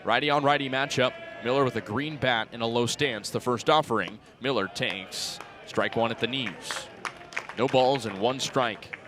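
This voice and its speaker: A man in his twenties calls radio play-by-play for a baseball game from an outdoor ballpark. His voice is mid-range at a moderate pace, with stadium crowd noise and music behind him.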